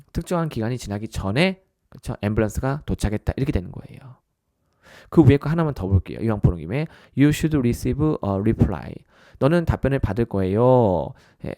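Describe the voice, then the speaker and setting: A man delivers a recorded test-prep lecture in a mellow, darker voice at a mid pitch. He keeps checking in with his listeners through short tag questions and calls them his students. The sound is dry and close, with no room around it. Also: dry recording. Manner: addresses listeners as "our students". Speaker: English test prep instructor.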